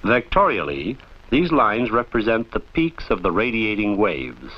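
On an old film soundtrack, a man with a lowish, husky voice reads scripted training narration. He is very animated while staying formal, measured and didactic. The audio is dull.

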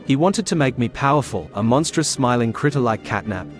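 Guy doing a cartoon lion villain, bitter reject, slow dramatic menace, mid pitched. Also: animated, faint music behind, lightly acted.

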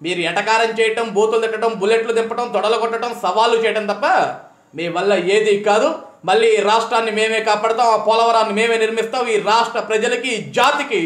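A man with a strikingly high voice mocks and taunts an opponent in an angry political rebuttal. He stretches his jeering phrases out slowly. The recording carries a roomy echo. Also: fairly even intonation, a bit bright. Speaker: party supporter answering a politician.

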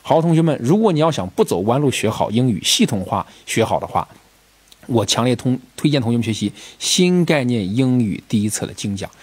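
A man teaches a recorded English lesson, his slightly husky voice rising and falling in a lively, animated way. He explains step by step and keeps turning to his students with rhetorical questions. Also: medium pitch, fairly quick.

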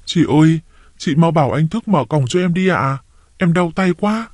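A man reading a story aloud, voicing a young woman who pleads and whimpers in a high voice. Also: fairly quick, dark tone, no echo, clean studio sound, close to an everyday voice. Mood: pleading, crying.

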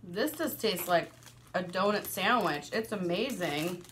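Chatty, excitable mom vlogger. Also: female voice, lowish voice, measured pace, a little hiss or hum. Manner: chatty and excitable, laughs often. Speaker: family vlogger and mother. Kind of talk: casual product review chat.

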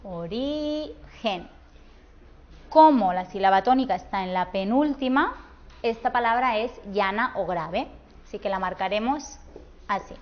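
A woman with a Peninsular Spanish accent teaching a grammar lesson, saying example words slowly and clearly. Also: medium pitch. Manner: slow, clear, drawn-out pronunciation of example words. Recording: dull, lo-fi sound.

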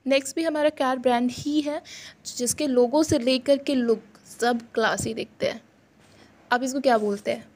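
A woman's voice: high voice, steady tone, moderate pace. A young woman hosting a casual pronunciation lesson, repeating words and correcting mistakes. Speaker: host teaching brand pronunciations. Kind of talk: casual lesson in mixed Hindi and English.

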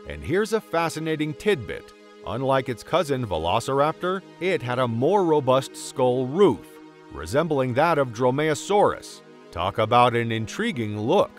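A man's voice: medium pitch, very animated, normal speed. A man reading scripted nature documentary narration with a dramatic, theatrical storytelling delivery. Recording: music behind the voice. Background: background music.

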